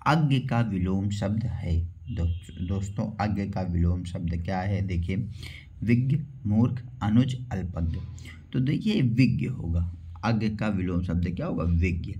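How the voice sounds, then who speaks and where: A man's voice: sits low, lively intonation, measured pace, dark tone, highs cut off. A man teaching an exam-prep lesson, explaining step by step and repeating each question and answer back to his viewers. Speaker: Hindi teacher.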